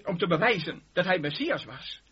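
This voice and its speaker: A man preaching a sermon, emphatic, with dramatic pauses between short phrases. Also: high-pitched, lively intonation, sharp tone, breathy edge, muffled recording. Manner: emphatic, rising and falling delivery with dramatic pauses.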